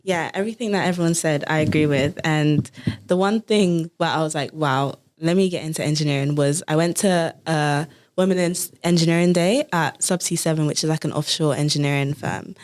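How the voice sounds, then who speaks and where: Animated 20-year-old woman telling a story. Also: low-pitched, brisk. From Ghana. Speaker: engineering student. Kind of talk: casual podcast chat.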